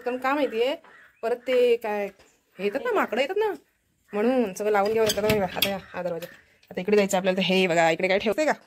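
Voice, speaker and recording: A woman vlogger talks at a brisk clip, chatting to her viewers in a friendly way. She walks around her village home with a handheld phone, pointing things out as she goes. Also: mid-range voice, a little hiss or hum. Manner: chatty, walks about showing the house. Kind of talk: casual vlog chat.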